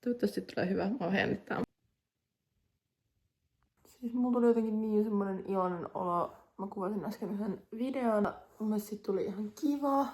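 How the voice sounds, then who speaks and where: A young woman in her twenties chats upbeat and informally into a phone camera indoors at home, filling the vlog with lots of fillers. She speaks at a medium pitch with a slightly mellow tone.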